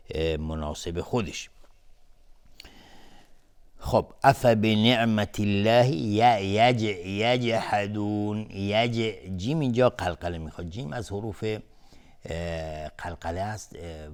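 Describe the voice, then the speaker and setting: Low-voiced man teaching Quran recitation. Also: a little mellow. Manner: patient step-by-step explaining, slowly drawing out recited examples. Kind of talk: televised recitation lesson.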